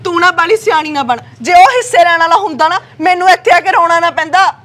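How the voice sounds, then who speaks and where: A woman's voice: extremely high pitch, fast talker, fairly bright tone. A woman playing a sobbing, quarrelsome married sister. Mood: tearful. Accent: Punjabi. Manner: wailing, quarrelsome. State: crying. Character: tearful married sister fighting her sister-in-law. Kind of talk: Punjabi web-series acting.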